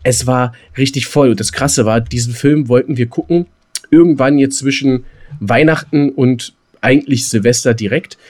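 On a podcast he co-hosts, a man talks films casually, using colloquial slang and some mild swearing. His voice is medium-pitched and darkish, moving at a normal speed.

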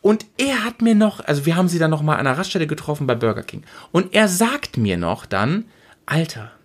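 A young man from Lower Saxony, telling a long anecdote in casual chat and acting out the quotes. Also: fairly quick. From Lower Saxony, Germany. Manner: animated anecdote-telling, acting out quotes with big pitch jumps. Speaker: storyteller.

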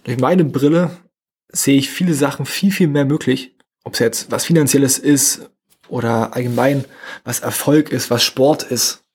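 A young man talks straight at his listeners in a motivational solo podcast, words tumbling out quickly and a little slurred. His voice carries a husky, slightly breathy edge at an average pitch. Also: darkish tone. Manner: fast, slightly mumbled casual speech. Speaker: podcast host.

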